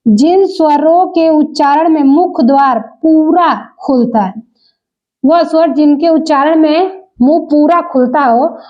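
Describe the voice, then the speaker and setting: Speaking in a high voice and in no hurry, a woman gives an exam-prep lesson, repeating each point and repeatedly calling her viewers friends. The audio has a dull, lo-fi quality.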